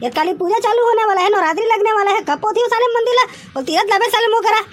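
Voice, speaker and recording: A woman with a very high-pitched voice bosses people around in rowdy, scolding banter. It comes from a comic skit, and a noisy recording hisses behind her. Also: racing.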